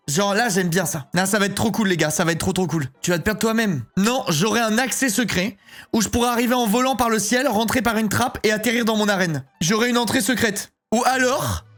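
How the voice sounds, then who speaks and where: A man in his thirties chatting casually on a live stream, excitable and rambling, often breaking into giggles. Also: high-pitched. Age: 30s.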